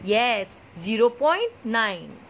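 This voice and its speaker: Lively high-voiced woman teaching maths. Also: slight background noise, poor audio. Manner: asks questions and answers them herself; slow, clear explaining with many checks like "okay?". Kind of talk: classroom lesson.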